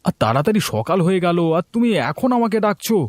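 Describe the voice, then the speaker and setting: A man's voice: sits high, big pitch swings, quick pace, dry recording. A man voicing a lazy middle-aged husband who runs a shop, in a dubbed cartoon, coaxing and teasing. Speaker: cartoon voice actor. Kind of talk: cartoon dubbing.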